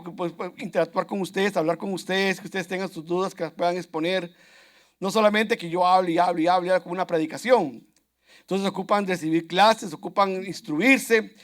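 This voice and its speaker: A man preaching a sermon to his congregation in an earnest, repetitive way, often calling out to his brothers and sisters. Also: high voice. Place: church.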